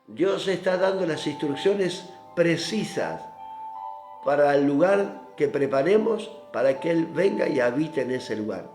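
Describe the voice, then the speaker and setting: A man preaching a devotional sermon, reading scripture slowly and stressing points to the brethren. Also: fairly high pitch, expressive, a little mellow. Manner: reads scripture slowly, drawn out, with emphatic asides to the brethren. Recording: roomy echo with faint instrumental music. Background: faint instrumental music.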